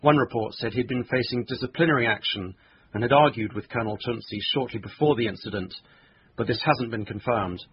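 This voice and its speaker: A man reading a scripted news report as a correspondent, in a measured, factual manner. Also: medium pitch, husky, muffled recording.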